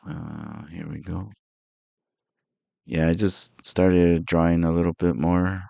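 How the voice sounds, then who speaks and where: A man's voice: sits low, little pitch movement, takes it slowly, creaky, a little mellow, no echo, muffled recording. A man streamer chatting casually and rambling while he draws and plays games, chuckling often. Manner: rambling and easygoing, with frequent chuckles.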